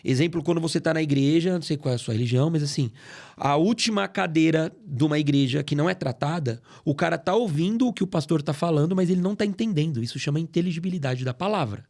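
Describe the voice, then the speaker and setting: A middle-aged man from Brazil, a guest on a podcast, explaining things in an animated, storytelling way in a studio. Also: a little high, fast talker. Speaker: guest, acoustics company CEO. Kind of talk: casual podcast interview.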